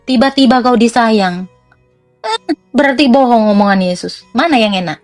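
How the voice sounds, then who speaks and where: A woman's voice: on the high side, normal speed, dry recording, faint music behind. A young woman preaching in a blunt, teasing rant that mixes slang with scripture.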